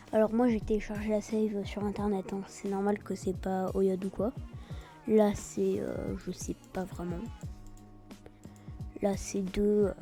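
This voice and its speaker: A woman with a very dark, soft-edged voice talks through a software tutorial. Her French accent takes on an English tinge on some words. She explains casually and hesitantly, improvising as she goes, over faint music. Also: mid-range voice. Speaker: tutorial video host.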